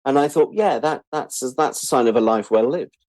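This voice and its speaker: Speaking a little fast in a medium-pitched voice, a sixty-something English writer and editor tells anecdotes as a guest in a relaxed interview. He pokes fun at himself and acts out the lines of people in his stories, and there's no room sound.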